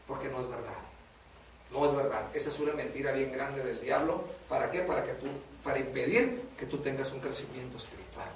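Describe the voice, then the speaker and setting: A man's voice: medium pitch, slight background noise. A man preaching a sermon in a casual way, often calling the listener "brother" and asking "right?". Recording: echoey room, voice from a distance.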